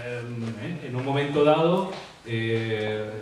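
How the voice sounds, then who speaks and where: A man's voice: medium pitch, takes it slowly, a little mellow, far from the mic. Hesitant man, echoey and off-mic. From Asturias, Spain. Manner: hesitant, many fillers and tag questions. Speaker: graphologist. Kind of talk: expert explaining in an interview. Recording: echoey room, off-mic, faint hiss.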